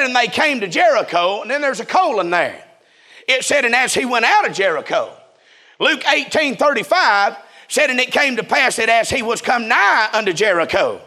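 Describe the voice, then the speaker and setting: A man preaching a revival sermon in a chanting, shouting cadence. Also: extremely high pitch.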